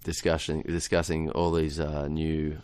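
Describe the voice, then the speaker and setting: A man's voice: a bass voice, little pitch movement, a little slow, a little mellow, smooth, no room sound. A middle-aged man, a radio guest, talking in a rambling, casual way with many restarts and frequent laughs, in a studio.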